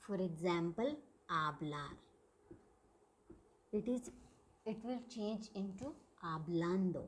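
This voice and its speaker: Woman teacher going thru grammar on a board, slow, kinda husky, says key words twice. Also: fairly low pitch, animated. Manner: slow, repeats words for emphasis. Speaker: Spanish teacher. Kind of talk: whiteboard grammar lesson.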